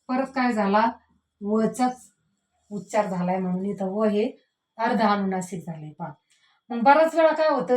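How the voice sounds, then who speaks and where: A woman teacher giving a grammar lesson, slowing down to stress each example word and tagging her sentences with the same little word. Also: on the high side, darkish tone. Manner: repeats a tag word at line ends; slows and stresses words she demonstrates. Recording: echoey room.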